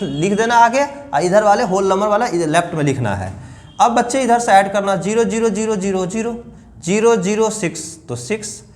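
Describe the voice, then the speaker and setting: A man teaching a math lesson to children, explaining each step and often asking the class questions. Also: sits high.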